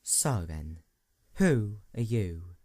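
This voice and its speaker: A man voicing a kind, worried, ancient pony princess in a story, speaking softly and lightly. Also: fairly low pitch, big pitch swings, very slow, no room sound, studio quality, pitched below the performer's own voice, heavily acted. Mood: sorrowful. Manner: soft, light, breathy, gentle.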